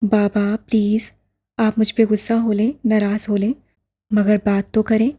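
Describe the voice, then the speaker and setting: A woman's voice: medium pitch, level tone, unhurried, mellow, close to an everyday voice. A woman voicing a grown son pleading with his father in a tearful tone.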